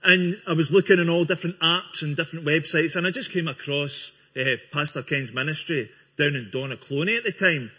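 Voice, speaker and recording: Speaking as a guest before a congregation, a man from Scotland shares his church testimony earnestly and warmly, restarting now and then. He talks fairly quickly with few pauses, in a husky, sharp-toned voice on the high side. The sound quality is dull lo-fi.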